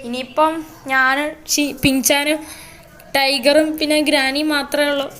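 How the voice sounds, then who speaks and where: A woman's voice: high-pitched, flat delivery, unhurried, a bit bright. A woman narrating an amateur story video, talking to viewers in an emotional, repetitive way.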